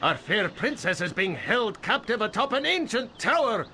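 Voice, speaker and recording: Obsequious flowery schemer, bright and sharp, fairly high, animated lilt. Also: male voice, moderate pace, slight background noise, full character voice. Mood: ingratiating. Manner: flowery, obsequious, stammering when flustered. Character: fawning, nervous man recruiting a hero. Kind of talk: video game cutscene acting.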